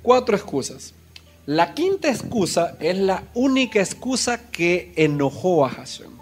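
High-voiced male preacher telling a story. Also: big pitch swings, unhurried, faint music behind. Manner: storytelling, asks the congregation questions. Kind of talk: sermon.

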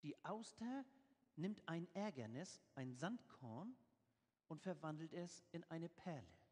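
A man preaches in a church, his high voice carrying a long reverb through the hall. He reads scripture with emphasis and then explains it in plain, everyday words. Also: sing-song, takes it slowly, darkish tone. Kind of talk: sermon.

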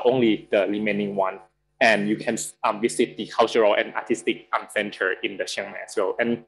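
A man in his thirties from Thailand, with a Thai accent, giving a university guest lecture over a video call, halting and full of fillers. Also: mid-range voice, rough recording. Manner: halting, many fillers and restarts. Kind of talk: academic lecture.

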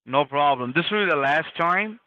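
A man's voice: a little high, expressive, moderate pace, dry recording, dull audio. A man posing as customer support, talking over a phone on speaker in a brusque, insulting, domineering way. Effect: heard through a phone on speaker.

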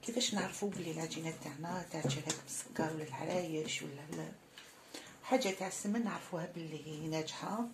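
A woman's voice: low voice, fast talker, noisy background. Algerian woman teaching a recipe. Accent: Algerian Arabic. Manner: friendly, addresses viewers as sisters. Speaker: cooking channel host. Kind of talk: cooking tutorial.

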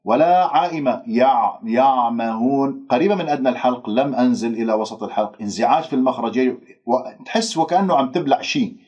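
A man gives a pronunciation lesson in Quran recitation. He draws out example words at length, then explains the rules at a quick pace. The recording sounds dull and lo-fi. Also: medium pitch, animated, darkish tone, husky. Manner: drawn-out demonstration words between brisk explanations.

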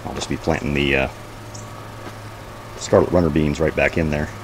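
Outdoors in a backyard garden, a man with a steady bass voice gives a casual, unscripted walk-through as a vlog host, speaking at a normal speed and pointing things out informally. The camera audio picks up clear background noise.

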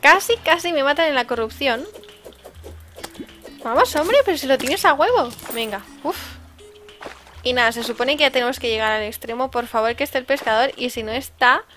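A high, bright woman's voice with a Spain Spanish accent, commenting on gameplay in a chatty, excitable way. Faint game music plays behind her. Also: normal speed. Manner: chatty and excitable, with sudden exclamations. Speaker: let's-play host.

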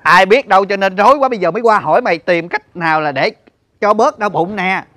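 A man's voice: high-pitched, fast, pushed and bright, dry recording. A man playing a flustered friend in a stage comedy sketch, defensive and pleading.

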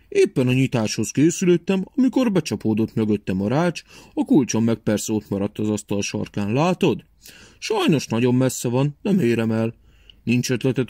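A kindly old watchmaker with a low, mellow voice, as a man puts him on. He talks gently and warmly to a child in a storybook reading. The sound is dry and close. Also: dry recording. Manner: friendly, gentle.

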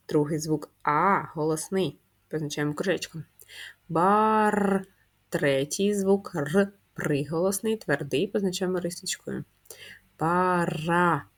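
A woman with a low, slightly rough voice teaches first graders handwriting. She works slowly and patiently, spells everything out clearly, and poses questions only to answer them herself.

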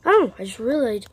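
A woman in playful game role-play, switching between whispers and shouts, with faint background noise. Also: on the high side.

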